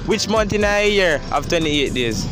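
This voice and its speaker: A man's voice: sits high, animated, moderate pace, over music. A teenage boy with a Jamaican accent asking playful trick questions outdoors at a school. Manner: playful, laughs at answers, patois catchphrases. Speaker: interviewer. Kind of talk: street interview.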